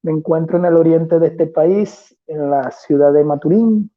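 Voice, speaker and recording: A man's voice: on the high side, measured pace. A Venezuelan man greeting a debate audience in a devout, blessing-filled manner. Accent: Venezuelan Spanish. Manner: warm, devout, with frequent blessings. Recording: phone-like thin audio.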